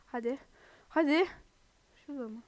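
A woman's voice: high voice, normal speed, no room sound. A young woman who is sick, giving chatty, giggly gameplay commentary to her viewers. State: sick, under the weather. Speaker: gaming video host.

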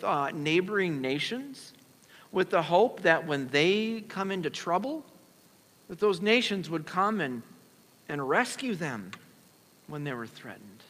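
A man preaching a sermon as pastor, earnest and measured, pausing and restarting as he explains scripture. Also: fairly high pitch, pushed and bright. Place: church sanctuary. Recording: long church reverb.

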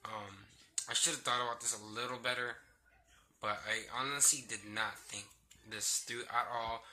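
A man's voice: medium pitch, fairly even intonation, moderate pace, pushed and bright. A young man vlogging casually and hesitantly in his bedroom, under the weather with a sore throat and a cold sore on his lip. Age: young adult. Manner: subdued, hesitant, rambling. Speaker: vlogger, theme park ride worker. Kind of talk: casual vlog chat. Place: small bedroom, indoors. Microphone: phone or laptop at arm's length. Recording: faint noise, handheld home recording.

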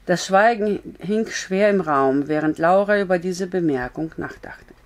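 A woman reading a novel aloud as a storyteller, in calm, measured narration. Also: on the low side.

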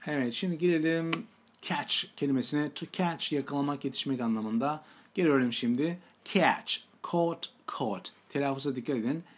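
A man's voice: on the high side, a little hiss or hum. Man teaching English verbs. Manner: slow, deliberate model sentences in English, repeats each form. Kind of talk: language lesson, explaining in Turkish.

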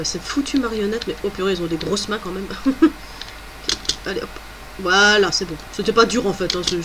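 A woman's voice: medium pitch, fairly bright tone. Chatty woman gaming over game noise. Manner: chatty, exclamatory, thinks aloud while playing. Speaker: gamer. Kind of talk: let's play commentary.

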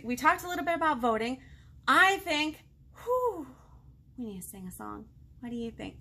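A children's librarian, an American woman with a high, fairly bright voice, reads and chats during storytime, keeping her phrasing simple and expressive as though speaking to young children. She sits before a book display in a small indoor room, with slight background noise.

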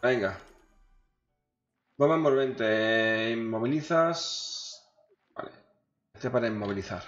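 A man with a Spanish accent and a medium-pitched voice hosts a gaming video, speaking slowly with casual, coarse, informal gameplay commentary and muttering to himself. The recording is echoey with a dull microphone, and faint game music plays in the background.

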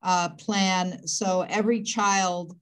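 A woman's voice: on the low side, steady tone, slow, a bit bright, clear, resonant tone, rough recording. Matter-of-fact older woman explaining. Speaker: medical panelist. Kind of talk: panel discussion on a video call.

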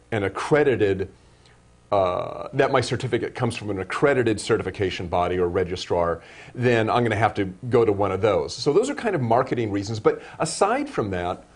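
A man hosting a live web broadcast interview, asking long, rambling questions full of restarts and self-corrections. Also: mid-range voice. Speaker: show host.

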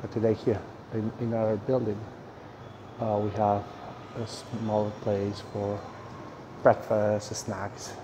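A middle-aged man from Spain, chatty and excitable, giving a casual walking vlog tour of a cafeteria, filmed on a phone at arm's length. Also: on the low side, takes it slowly, pauses often. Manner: chatty, excitable, lots of fillers. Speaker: vlogger touring the food halls. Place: indoor cafeteria and dining hall. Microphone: phone camera at arm's length. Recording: noisy phone recording.

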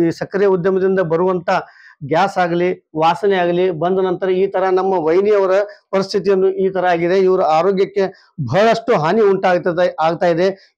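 Man, high voice, halting press-conference appeal, slightly dull dry recording. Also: vocal fry, darkish tone, dry recording. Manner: halting, with frequent "uh" fillers and restarts. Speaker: local resident voicing a complaint. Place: small indoor room, seated among a group.

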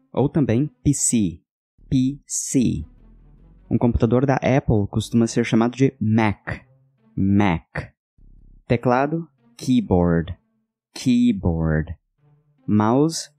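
A man narrating a vocabulary lesson, saying each word twice slowly and carefully. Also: fairly low pitch, warm tone, dry recording. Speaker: vocabulary teacher. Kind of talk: slow, deliberate vocabulary drill narration.

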